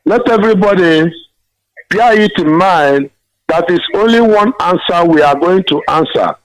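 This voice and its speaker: A male caller heard through a phone line, his voice sitting fairly high for a man. He speaks in an earnest, emphatic way and repeats his key phrases to drive them home. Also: expressive, moderate pace. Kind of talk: call-in question on a live broadcast.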